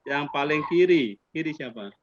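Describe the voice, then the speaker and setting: His voice is a little high, with lively intonation and a normal speed. He is an accreditation assessor in his fifties with a Javanese accent, holding a friendly, chatty online interview with teachers and mixing in Javanese politeness words. The call audio is muffled and noisy in the background.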